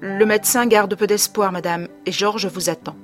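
A woman reading aloud, giving the measured, solemn lines of a male priest tutor. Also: mid-range voice, fairly even intonation, soft background music, natural voice. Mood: grave.

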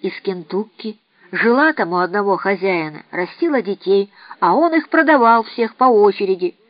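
A woman voicing a weary, bitter old woman who talks low, grim and blunt, in an audiobook reading. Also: animated, normal speed, dry recording, close to an everyday voice. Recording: dry, slightly dull recording.

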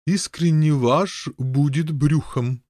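An eager, bossy knight presses his plans, a touch higher than a plain speaking voice, as a man reading a storybook puts him on. The sound is close and dry. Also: takes it slowly, darkish tone, dry recording. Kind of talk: audiobook character voice.

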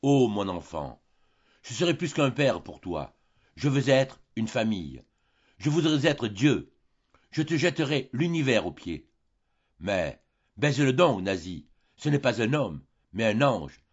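A man reading an audiobook voices an older father, pleading and heartbroken, his voice loud and imploring in a dull, muffled recording. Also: lowish voice, very animated, a little slow, breathy edge, exaggerated voice.

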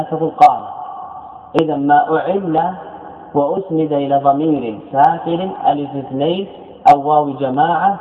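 A man teaching a classroom lesson, explaining by repeating his points and asking himself questions. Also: on the high side. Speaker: teacher of Arabic morphology. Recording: echoey hall over a tinny phone-like line.

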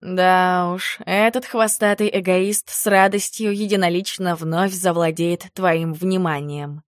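A woman reading the part of a stern, sardonic male werewolf in an audiobook, speaking slowly. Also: fairly low pitch, steady tone, dry recording, studio quality, lightly acted. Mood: grumbling. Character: stern male werewolf lover, dry and teasing.

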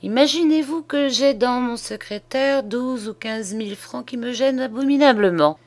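A woman reading an elderly retired male detective in an audiobook, a bit slower and higher than her narration. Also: darkish tone, close to an everyday voice. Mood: agitated.

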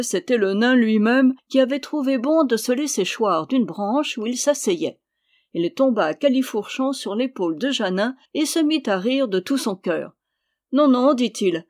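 Audiobook reader, steady measured storytelling, mid-pitched voice. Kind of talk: scripted narration of a historical novel.

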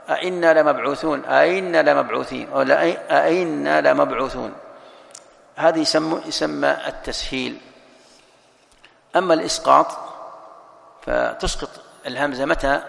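A man's voice: fairly high pitch, creaky, fairly bright tone, in a large hall. A man teaching a lesson as a sheikh, explaining each point step by step, repeating words and reciting examples. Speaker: sheikh teaching Quran sciences. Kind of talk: classroom lesson explaining a text.

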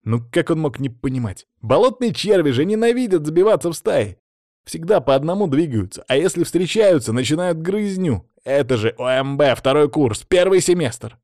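A man's voice: on the high side, very animated, fairly quick, hardly any pauses, mellow, no echo, clean studio sound, pitched above the performer's own voice. A man doing a brash, cocky young mage. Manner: brash, scolding, self-assured retorts. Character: cocky, reckless young male mage student.

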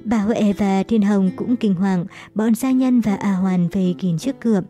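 A woman narrates a novel in a steady, measured audiobook reading. Her voice is mellow and soft-edged, and faint music plays quietly behind her. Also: mid-range voice.

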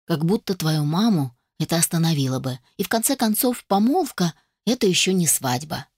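A composed young man, mildly mocking and unflustered, as a woman puts him on. The delivery is low and close, dry with no room around it. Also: animated, fairly quick, darkish tone, dry recording. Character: calm, wry young man, the fiancé.

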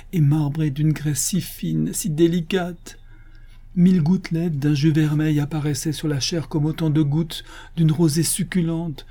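A man's voice: fairly high pitch, mellow, pitched above the performer's own voice. A man voicing a gluttonous older canon who wails over lost meals, in an audiobook reading. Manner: anguished, theatrical lamenting. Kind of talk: audiobook reading of a classic novel.

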